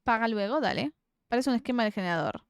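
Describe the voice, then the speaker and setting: A woman streamer with a Rioplatense accent giving casual gameplay commentary, reading game text aloud and swearing in excited outbursts. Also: a little high, quick pace, clear, resonant tone. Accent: Rioplatense Spanish.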